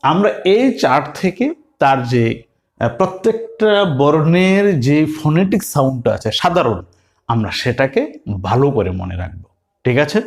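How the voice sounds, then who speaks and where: A man with a Bengali accent teaching English letter sounds slowly, repeating each one and putting questions to his learners. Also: on the high side, very animated. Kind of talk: phonics lesson.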